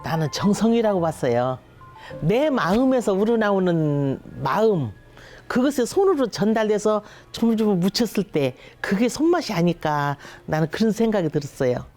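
A woman's voice: mid-range voice, big pitch swings, normal speed, mellow, faint music behind. A woman in an interview, speaking in a reflective, earnest way.

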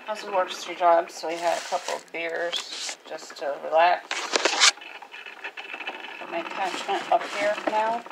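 A middle-aged homemaker vlogger chats casually about her morning kitchen chores, talking as she works in a homey way. Her voice is lowish, a little slow and gravelly. She's filmed on a phone propped on the counter of a small home kitchen, and the phone mic picks up loud running water and clattering dishes.

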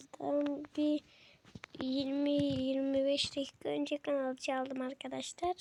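A high, girly gamer voice, as a man puts it on, excitable and quick to curse at the game. It chatters straight to viewers in loose gameplay commentary, with a faint hiss underneath. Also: gravelly. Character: girly female voice put on by a male gamer. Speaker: gaming streamer.

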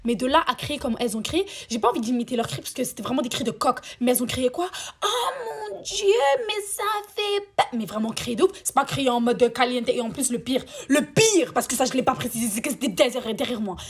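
Fast-talking young-sounding woman ranting. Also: fairly high pitch, slightly rough. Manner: animated, crude slang and swearing; exasperated ranting asides. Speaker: storytime vlogger. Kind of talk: storytime chat to camera.

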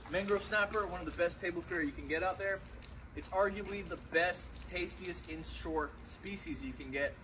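A man's voice: high voice, moderate pace. Enthusiastic man outdoors, noisy. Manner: enthusiastic, hyping the food. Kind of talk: casual vlog chat. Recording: outdoor noise behind.

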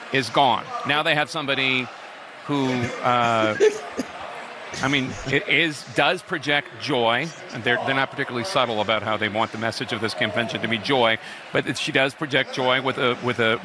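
A man giving measured political analysis as a television news commentator, speaking with deliberate pauses. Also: medium pitch, background noise.

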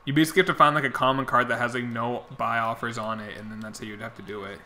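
A man's voice: medium pitch, steady tone, rapid-fire, sharp tone. A young man streaming a baseball video game, rambling casually and answering his chat viewers, his voice getting worn out. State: losing his voice. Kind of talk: casual chat while playing.

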